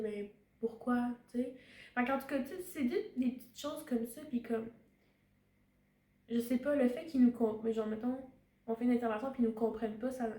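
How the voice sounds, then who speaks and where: A woman's voice: fairly high pitch, mellow. A young woman with a Québécois accent, a student teacher chatting casually and hesitantly, often searching for her words. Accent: Québécois French. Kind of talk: casual reflective chat. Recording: roomy echo.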